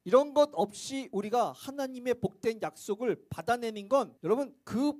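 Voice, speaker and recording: A man's voice: very high-pitched, lively intonation, moderate pace, dry recording. A man preaching a church sermon, talking conversationally and asking the congregation rhetorical questions. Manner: acts out quoted voices, sometimes shouting. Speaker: pastor.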